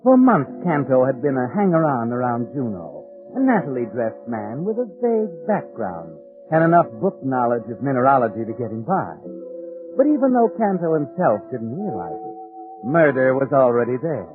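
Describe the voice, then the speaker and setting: Tinny 1940s radio with music, sinister American male night-walker narrator, acted by a man, theatrical, ominous, dramatically varied pitch. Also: sing-song, moderate pace, close to an everyday voice. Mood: knowing, grim. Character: the Whistler, sinister all-knowing night-walking mystery narrator. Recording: old narrow-band 1940s radio, music behind.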